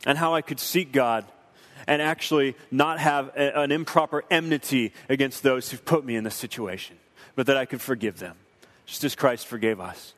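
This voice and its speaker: A man's voice: medium pitch, moderate pace, a bit bright. Earnest young man in a reverberant hall. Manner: earnest, preacherly, emotional. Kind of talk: reflective film commentary.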